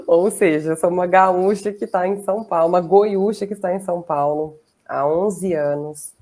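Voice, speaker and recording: A woman in her thirties, born in southern Brazil but raised in Goiás, chats as an interview guest with a Goiânia accent of Goiás Brazilian Portuguese. Her voice is lowish and animated, and she speaks slowly. She's warm and talkative, laughing between phrases and using lots of fillers.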